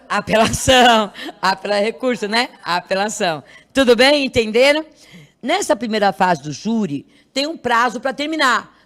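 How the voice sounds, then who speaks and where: A woman's voice: fairly high pitch, fairly bright tone. A woman with a Brazilian Portuguese accent teaching an exam review class, quizzing the students with constant rhetorical questions and repeating key terms. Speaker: law exam prep teacher.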